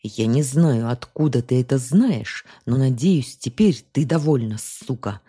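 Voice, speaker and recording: Brief: evasive, rattled young husband, read by a woman narrator, dark tone. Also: very deep voice, lively intonation, a little slow, breathy edge, heavily acted. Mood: defensive. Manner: evasive, later hissing threats. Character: young husband, nervous and defensive.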